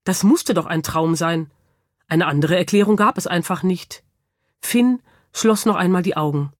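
A woman narrating a children's audiobook with lively, expressive storytelling. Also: on the low side, moderate pace, no room sound, studio quality.

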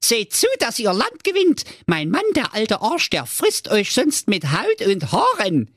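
A man voicing a kindly but foul-mouthed ogre wife in a comic fairy tale, speaking in a high, fussy falsetto. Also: wildly swooping pitch, fairly bright tone, husky, dry recording, clean studio sound, heavily acted. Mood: urgent. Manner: fussy, hurried, scolding. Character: kindly sharp-tongued ogre wife, middle-aged.

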